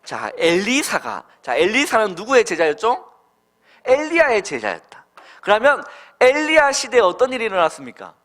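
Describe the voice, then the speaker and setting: A man preaching a Sunday school sermon to children, quizzing them with questions and swinging from loud calls to soft murmurs. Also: high-pitched, wildly swooping pitch, moderate pace. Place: church.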